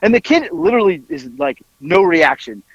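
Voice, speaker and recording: Guy telling a wild story, highish voice jumping all over, dull dry lo-fi sound. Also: big pitch swings, moderate pace, slightly rough, no room sound. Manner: acts out quoted voices with big jumps up into yelps. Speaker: podcast host telling stories. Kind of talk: animated storytelling.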